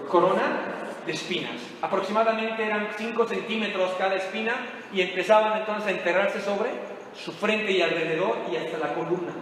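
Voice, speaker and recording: A man's voice: high voice, brisk, a bit bright, a little hiss or hum. A man preaching a sermon to a congregation, retelling a story dramatically and putting questions to his listeners. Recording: very echoey hall with long reverb.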